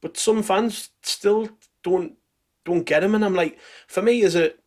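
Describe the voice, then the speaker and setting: A man's voice: high-pitched, unhurried, darkish tone. A man hosting a football fan podcast in a casual, conversational way. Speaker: podcast host.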